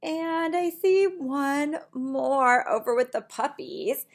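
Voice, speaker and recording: In a high-pitched voice with a creaky edge, a middle-aged woman reads a picture book to young children the way a preschool teacher would. Her reading is slow, deliberate and sing-song, sprinkled with simple asides and counting questions for the little listeners. She's in a small indoor room at home.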